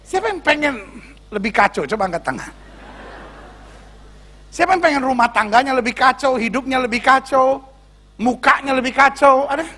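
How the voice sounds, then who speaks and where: A man's voice: very high voice, animated, moderate pace, pauses often, sharp tone. A male pastor preaching a sermon in church, joking and teasing the congregation.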